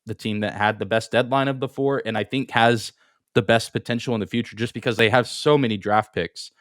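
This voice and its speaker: A man's voice: medium pitch, steady tone, brisk, no echo, clean studio sound. A man co-hosting a sports podcast in casual chat, often repeating his first words as he thinks aloud. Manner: repeats words at the start of phrases, hedging. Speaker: podcast co-host.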